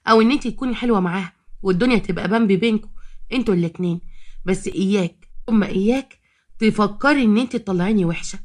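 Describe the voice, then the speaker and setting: A woman's voice: mid-range voice, very fast, darkish tone, lightly acted. Woman voicing a scheming Egyptian young wife. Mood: threatening. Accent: Egyptian Arabic. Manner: defiant, sarcastic.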